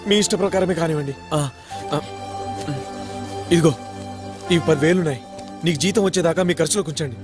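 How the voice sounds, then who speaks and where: A man's voice: on the high side, brisk, long pauses. A man playing a fussy, emotional uncle in dubbed film dialogue. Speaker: uncle of the young couple. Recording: dubbed film audio with music behind.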